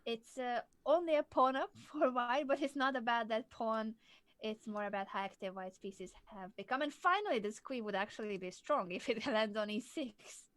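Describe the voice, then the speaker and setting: A woman's voice: a little high, moderate pace, a bit bright, no echo. Young woman chess coach, analytical, laughs a lot, dry close sound. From southern Hungary. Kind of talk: casual chess lesson on a livestream.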